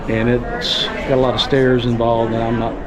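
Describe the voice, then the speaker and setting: A man's voice: mid-range voice, flat delivery, normal speed, crowd noise. A middle-aged man chatting casually for a travel vlog in a plainspoken, grumbling way. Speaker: travel vlogger. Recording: noisy outdoor handheld vlog recording.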